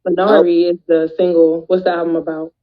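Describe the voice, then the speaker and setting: Fast-talking woman interviewer, dull lo-fi sound. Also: lowish voice, flat delivery. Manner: upbeat, encouraging, with frequent "dope" and "mm-hmm". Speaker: magazine editor and interviewer. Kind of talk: casual interview. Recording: dull, lo-fi audio.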